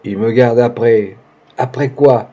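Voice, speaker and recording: A man's voice: mid-range voice, unhurried, warm tone, husky. A man reading the lines of a naive, grieving young woman in a tearful, faltering manner, in a dull lo-fi recording. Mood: distraught.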